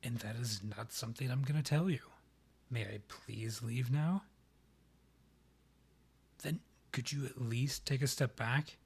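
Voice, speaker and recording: Playing a vampire king who is proud and guarded, a man performs a romantic ASMR roleplay in a medium-pitched, breathy voice that often drops close to a whisper. He speaks haltingly in a formal, courtly manner, sounding stiff and defensive.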